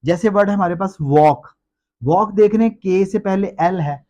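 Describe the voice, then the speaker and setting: A man teaching a pronunciation lesson in a classroom style, who explains each rule slowly and says words and rules again and again. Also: high-pitched, mellow. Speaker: English teacher.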